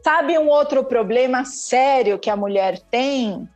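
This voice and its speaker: A woman's voice: high-pitched, expressive, a little slow, a little mellow, soft background music. A woman giving emphatic advice in a podcast conversation, her voice rising sharply on key points. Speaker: communication speaker.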